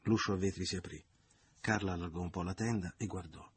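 A man narrating a novel in a measured, literary audiobook reading. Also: sits low, fairly even intonation, a little hiss or hum.

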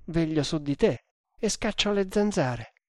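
Brief: man reading soft-murmuring faithful servant, slow, dry close sound. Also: a little high, lively intonation, no echo, voice pushed up. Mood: worried. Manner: murmuring softly. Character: devoted male servant, warrior-born, gentle and caring.

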